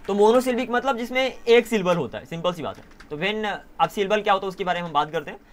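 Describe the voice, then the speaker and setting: A young man teaching an online English class in a casual way, often pausing to correct himself. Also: high-pitched. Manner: casual, self-correcting, mixes Hindi and English.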